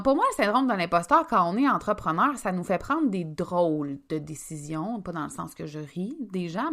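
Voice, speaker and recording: A woman's voice: mid-range voice, sharp tone. A woman with a Québécois accent hosting a casual business podcast, chatty and emphatic, talking straight to her listeners. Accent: Québécois French. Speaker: podcast host, business coach.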